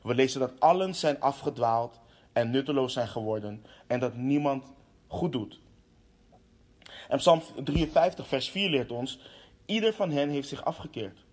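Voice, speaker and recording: A preacher delivering a sermon, impassioned, with restarts and fillers. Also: male voice, mid-range voice, a little slow.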